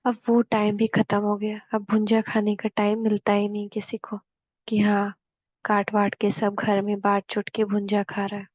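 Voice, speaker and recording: A woman giving a devotional class, explaining scripture in a homely storytelling way with slow, emphatic repetitions. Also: mid-range voice, completely flat delivery, darkish tone, no room sound. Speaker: spiritual teacher. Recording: slightly dull dry recording.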